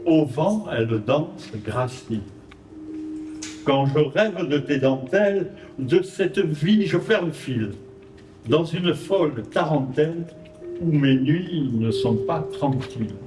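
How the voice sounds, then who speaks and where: A man's voice: on the high side, expressive. A man with a Provençal French accent reciting his poems on stage at an art exhibition, with short spoken introductions between them. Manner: measured, rhythmic verse delivery with brief spoken introductions. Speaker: poet. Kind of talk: live poetry recital. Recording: roomy live recording from a distance. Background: zither accompaniment.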